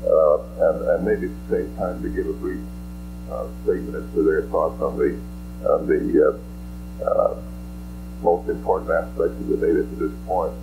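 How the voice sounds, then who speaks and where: A man's voice: low voice, steady tone, moderate pace, music in the background. A man answering at a press conference as a lead scientist, careful and hesitant, searching for his words. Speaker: scientist, lead seismic investigator. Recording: muffled, echoey archival hall recording with hum.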